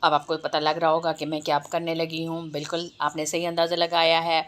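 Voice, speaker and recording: Brisk and completely flat, a low-voiced woman with a sore throat hosts a home cooking tutorial, her tone a bit bright. She explains each step chattily, repeatedly checking in with the viewer via "ठीक है."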